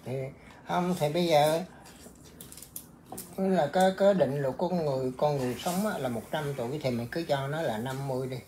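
A man who is a Buddhist monk, in casual conversation, with a Vietnamese accent, speaking haltingly with many fillers. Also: a little high, mellow, slight background noise. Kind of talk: casual chat.

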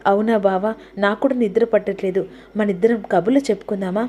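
A woman's voice: mid-range voice, fairly even intonation, fast, warm tone, slight background noise, natural voice. A woman voicing a scheming young woman who coaxes and pushes to get her way. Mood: coaxing. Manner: coaxing, pushy.

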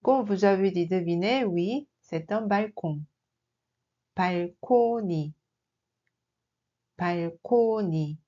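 Woman language teacher, very slow and careful, mid pitch, slightly muffled lo-fi recording. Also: mellow. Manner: repeats each word slowly and clearly. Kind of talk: slow, deliberate vocabulary dictation lesson. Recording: slightly dull lo-fi sound.

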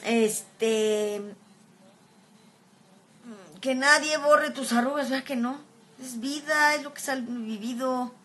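A woman's voice: high-pitched, takes it slowly, pauses often, a bit bright. A middle-aged woman with a Mexican accent hosting a casual phone livestream, chatting and exclaiming as she answers viewers' comments. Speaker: livestream host.

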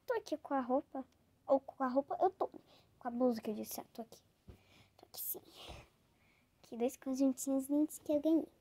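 High-voiced chatty Brazilian young woman. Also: low-quality recording. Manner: chatty, jumps between loud exclamations and quiet muttered asides. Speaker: vlogger. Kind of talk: casual chat while packing. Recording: clear background noise, handling clicks.

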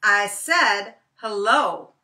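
A woman storyteller voicing a hot-tempered male rabbit in a folktale, shrill and scolding, heard from a distant mic. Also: a little slow, pushed and bright, reverberant, full character voice. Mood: furious.

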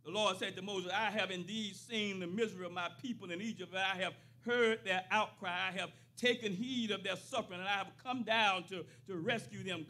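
A man's voice: high voice, pushed and bright. An older man preaching a sermon at a church pulpit into a stand microphone, building into a rising, repeated cadence. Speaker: pastor.

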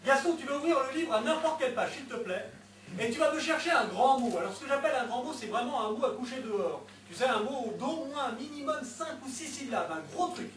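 A man's voice: extremely high pitch, animated, a little fast, a bit bright, distant mic, a little hiss or hum. A man performing a mentalist act on a theatre stage, coaxing and teasing spectators with playful patter. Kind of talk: live stage patter with audience. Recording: echoey theatre recorded from afar.

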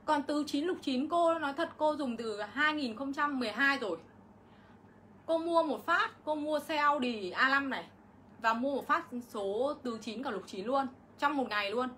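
A woman's voice: high voice, normal speed, fairly bright tone, a little hiss or hum. A middle-aged woman, ranting on a casual livestream vlog and hitting back at her critics with indignation. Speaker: vlogger.

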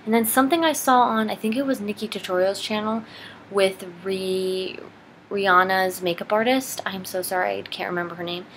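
A woman's voice: medium pitch, fairly even intonation, moderate pace. A young woman giving a casual makeup tutorial in an informal, rambling, self-deprecating way, chatting as she works. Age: young adult. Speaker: beauty vlogger. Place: indoors, living room at home. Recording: noisy home camera recording.

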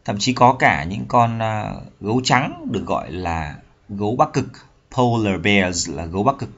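A man teaching English vocabulary in Vietnamese, with a Vietnamese accent, reading English lines slowly and repeating words to drill pronunciation. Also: on the low side, expressive, a bit bright, muffled recording. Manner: reads English slowly then explains in Vietnamese. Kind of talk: bilingual vocabulary lesson.

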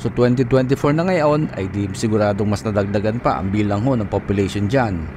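A man's voice: lowish voice, a little fast, noisy background. A man narrating a road trip in a polite, informative tone, reading out local statistics. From Philippines. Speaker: vlogger.

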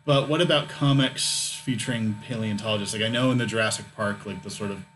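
Podcast host guy, kinda low voice, faint music in the background. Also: fairly quick. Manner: relaxed, curious questioning. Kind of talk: casual interview.

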